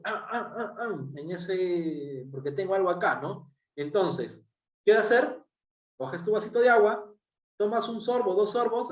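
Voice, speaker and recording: A man with a Peruvian Spanish accent giving a workshop lecture, explaining step by step with frequent fillers and tag questions. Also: high voice. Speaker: workshop speaker. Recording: roomy, distant mic.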